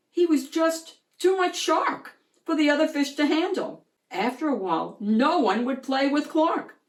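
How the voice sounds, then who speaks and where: A high-voiced woman reads a children's picture book aloud, bringing an expressive storytelling flair, and the recording is reverberant.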